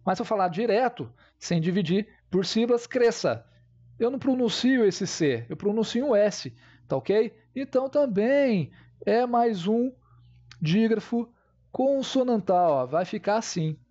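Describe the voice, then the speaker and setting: A man's voice: sits high, lively intonation, unhurried, mellow, dull audio. A man teaching a grammar lesson, explaining step by step and checking in with his viewers.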